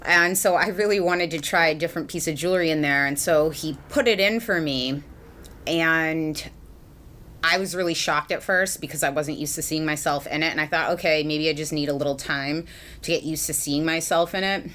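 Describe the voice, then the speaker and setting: Casual get-ready-with-me talk from a young adult beauty vlogger in Massachusetts, who rambles with many ums and likes while applying makeup. Her voice sits low, has a fairly bright tone, and keeps a moderate pace.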